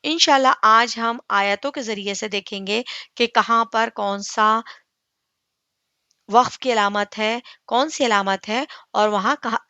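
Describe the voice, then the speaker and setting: A woman teaching Quran recitation in an online lesson. She talks patiently, asks her class questions and answers them herself, and draws out recited words very slowly. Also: on the high side, sharp tone, clear, resonant tone, no room sound, lo-fi sound.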